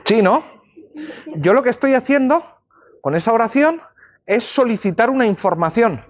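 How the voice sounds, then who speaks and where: A man's voice: very high-pitched, lively intonation, normal speed. A male law lecturer giving a university class, explaining ideas with everyday examples and checking in with students. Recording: dull lo-fi classroom recording.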